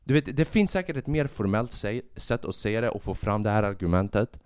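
A man's voice: lowish voice, clear, resonant tone, no room sound, clean studio sound. A man hosting a casual monologue podcast, ranting and rambling with lots of swearing, and sick with a fever. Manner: swearing, rambling, animated rants. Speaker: podcast host.

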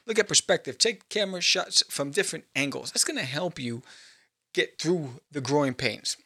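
A man hosting his own show, giving casual advice to viewers in a playful, animated way and often checking in with "right?". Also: on the high side, normal speed, husky. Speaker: podcast host and comic artist. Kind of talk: casual solo talk to viewers.

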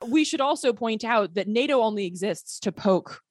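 A woman's voice: a little high, lively intonation, normal speed, a little mellow, no echo, studio quality. A woman partly raised in Sweden, speaking as an interview guest in a passionate, sarcastic way. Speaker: guest, filmmaker. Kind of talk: political interview.

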